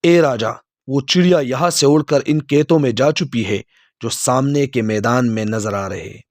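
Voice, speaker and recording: A man voicing a talking mountain that speaks in a measured, solemn way in a storybook tale. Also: medium pitch, darkish tone, no room sound, clean studio sound, lightly acted.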